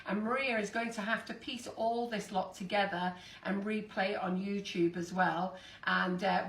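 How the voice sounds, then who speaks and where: A woman in her fifties hosting a live-stream baking demonstration in a kitchen, chatty and quick to laugh. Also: mid-range voice. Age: 50s. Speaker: host. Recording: echoey room, distant mic, faint noise.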